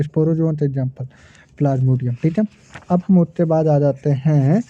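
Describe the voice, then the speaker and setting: A male biology teacher running a quick-fire revision quiz, asking questions and answering them himself, with hesitant fillers as he recalls terms. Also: on the high side, warm tone. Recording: tinny phone-like recording, dry.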